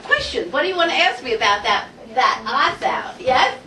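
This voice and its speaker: A woman teaching a Hebrew phonics lesson to a class, energetic and coaxing, asking the group question after question. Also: sits high, moderate pace, crowd noise. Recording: roomy classroom audio from far off.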